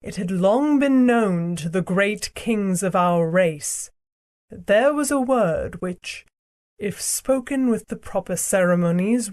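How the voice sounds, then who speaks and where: A woman voicing a proud, cruel ancient queen and sorceress in an audiobook, speaking in a slow, imperious, theatrical way. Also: mid-range voice, a little mellow, close to an everyday voice. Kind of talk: audiobook character reading.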